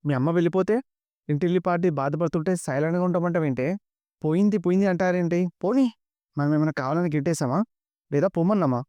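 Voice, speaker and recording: A man voicing an indignant old grandmother who scolds sharply, read fast in a dry recording. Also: on the high side, warm tone, clean tone, no room sound, lo-fi sound, natural voice.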